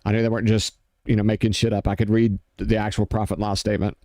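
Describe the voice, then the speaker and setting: A man's voice: on the low side, flat delivery, quick pace, darkish tone, no room sound. A blunt man rants in a heated, casual way and swears freely. He acts out both sides of each argument in quoted voices. The sound is dry and close, with no room around it. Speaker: streamer ranting on workplace issues. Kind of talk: casual rant.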